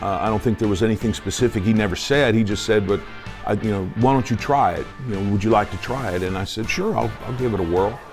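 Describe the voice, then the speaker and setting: A middle-aged man telling stories in a casual interview, in a halting, folksy way. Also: lowish voice, over music. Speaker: high school football announcer.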